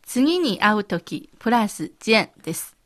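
A woman co-hosting a radio language lesson, modeling words with slow, careful pronunciation. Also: medium pitch, big pitch swings, fairly bright tone.

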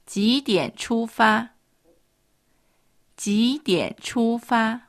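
A woman co-teaching a language lesson, pronouncing model phrases slowly and carefully. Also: fairly high pitch, dry recording, studio quality. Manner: slow, careful model pronunciation.

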